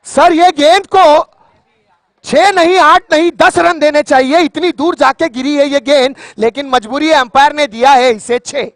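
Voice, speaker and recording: Male cricket commentator, excited delivery, very high voice, dramatic poetic flourishes, dry sound. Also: a little slow, no echo. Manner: theatrical, repeats phrases for emphasis; poetic, breaks into recited verse.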